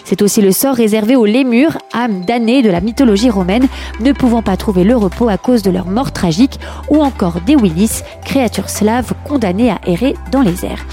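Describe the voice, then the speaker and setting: Lady narrator explaining stuff from a script, soft-edged highish voice, light music bed. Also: brisk. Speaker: presenter.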